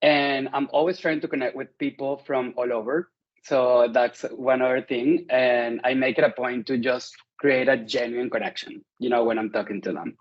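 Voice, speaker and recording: A man's voice: mid-range voice, steady tone, normal speed. Chatty Venezuelan-born man, dull audio. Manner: friendly, chatty, many "like" fillers. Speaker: interview guest. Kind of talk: casual interview conversation.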